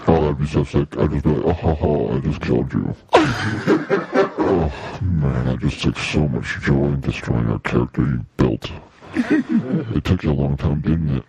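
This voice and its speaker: A man talking through a voice changer that makes him sound like a deep, demonic creature, goofing around in casual chat. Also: very animated, unhurried, darkish tone, a little hiss or hum, poor audio. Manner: goofy, playing around with the voice changer. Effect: deep demonic voice-changer filter.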